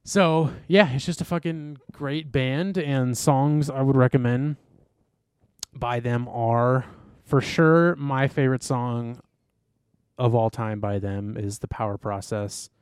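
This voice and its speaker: At a slow pace and medium pitch, a young podcast co-host talks smoothly in casual chat, rambling with many fillers and swear words. The sound is clean studio audio with no echo. He's animated and wandering, cursing often.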